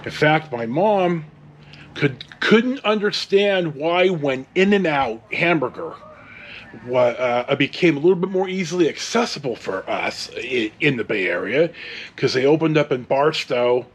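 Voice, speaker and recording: This host, a Californian in his 60s, spins a meandering, casual tale with side trips and light profanity. His voice sits on the high side, animated and husky, moving a little slowly.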